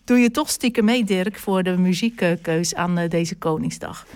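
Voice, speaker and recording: A woman's voice: fairly low pitch, normal speed, darkish tone. A woman hosting a local radio show, chatting casually and reading out local events with many filler sounds. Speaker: radio host.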